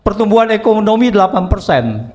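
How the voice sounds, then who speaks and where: A man with a notably high voice gives political commentary. He explains points carefully, one step at a time, and often pauses on small fillers. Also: sing-song, a little mellow. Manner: measured explanation with frequent fillers like "eh" and "gitu". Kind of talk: analytical commentary.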